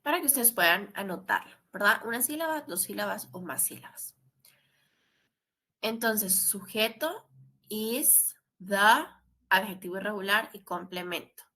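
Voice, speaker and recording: A woman's voice: medium pitch, unhurried, sharp tone. A woman teaching English grammar in a recorded class. She explains step by step and often adds a questioning tag.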